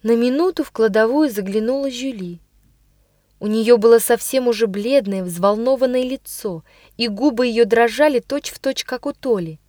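A woman reads a story aloud with dramatic expression in a fairly high voice. The sound is close and dry, with no room around it. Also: moderate pace, dark tone, no room sound. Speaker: audiobook reader.

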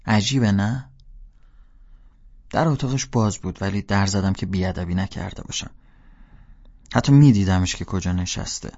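A man's voice: on the low side, a little mellow, dry recording, highs cut off. A man narrating a first-person audiobook in a casual, slangy storytelling voice.

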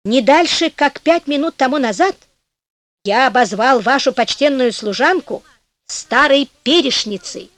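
A woman's voice: high voice, lively intonation, measured pace, fairly bright tone, no echo. A woman playing a sly wheedling rogue. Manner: wheedling, falsely humble, sing-song. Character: sly flattering peasant rogue, man.

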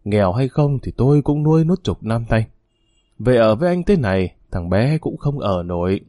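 A man voicing a sharp-tongued, scolding old grandmother. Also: mid-range voice, lively intonation, normal speed, no echo, clean studio sound, close to an everyday voice. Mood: bitter reproach. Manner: scolding, cursing.

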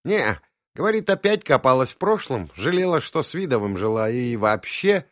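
Man voicing a wry candid young woman, expressive pitch, dry close sound. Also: normal speed, no echo, lightly acted. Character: frank thoughtful young woman.

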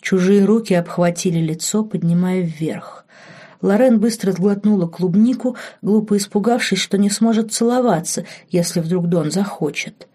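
A woman narrating a romance novel audiobook in a measured, softly expressive way. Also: medium pitch, breathy edge.

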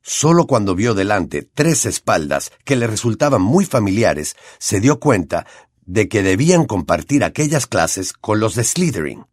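A male audiobook narrator with a Latin American Spanish accent, telling the story expressively. His pitch is mid, with a lively, swinging melody. The recording is close and dry, with no room sound. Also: measured pace, no room sound.

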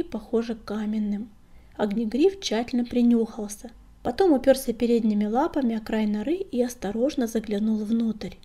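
A woman narrating an audiobook in a soft, hushed whisper. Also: fairly high pitch. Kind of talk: whispered storytelling.

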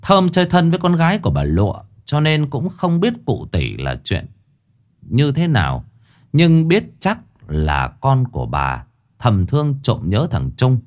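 Lively male ghost story narrator. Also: mid-range voice, measured pace.

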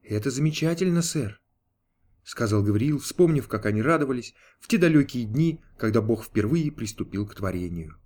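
A man narrating a storybook with measured pacing. His pitch moves in a lively, animated way, and each line is clearly shaped. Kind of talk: audiobook narration.

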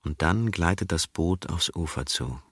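Low husky male audiobook narrator. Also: lively intonation, unhurried, fairly bright tone, no room sound, clean studio sound. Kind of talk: literary audiobook reading.

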